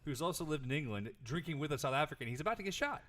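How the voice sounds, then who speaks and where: A man's voice: a little high, animated, racing, noisy background. A man hosting a podcast in casual chat, playful and rambling, laughing often. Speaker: podcast host. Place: lives in Florida.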